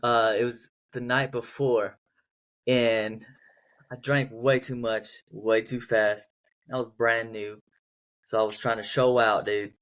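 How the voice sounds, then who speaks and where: A man's voice: medium pitch, little pitch movement, takes it slowly, fairly bright tone, clean tone. A young man co-hosting a casual podcast, telling a story in a laid-back, slangy way. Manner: laid-back, slangy, says dude a lot. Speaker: podcast co-host.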